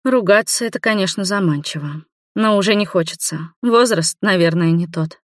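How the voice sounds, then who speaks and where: A woman's voice: mid-range voice, normal speed, dry recording, voice pushed up, lightly acted. A reader voicing a tired, blunt middle-aged woman who answers dryly and curtly. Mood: weary, curt. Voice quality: dry, curt. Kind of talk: audiobook dialogue.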